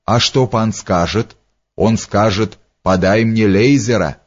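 A man voicing an excitable, fawning little man who speaks broken, exclaiming phrases. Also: on the low side. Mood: fretful. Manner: broken grammar, exclamations, drawn-out words. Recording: dull lo-fi recording.

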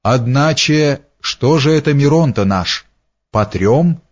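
Мужчина озвучивает грубоватого насмешливого разбойника. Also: male voice, medium pitch, expressive, slow pace, pitched above the performer's own voice. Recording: dull lo-fi recording.

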